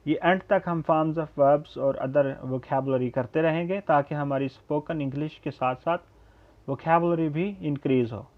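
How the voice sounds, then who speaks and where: Teacher, male, high voice, deliberate delivery, drills example sentences; dull lo-fi recording. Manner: repeats model sentences slowly, then explains quickly; mixes Hindi-Urdu explanation with English examples. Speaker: English teacher. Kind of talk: spoken English lesson.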